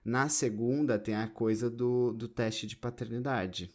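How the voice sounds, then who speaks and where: A man with a Brazilian Portuguese accent co-hosting a podcast, relaxed casual chat, often saying "tipo". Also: medium pitch, measured pace. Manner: relaxed, fond of "tipo" fillers. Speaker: podcast co-host.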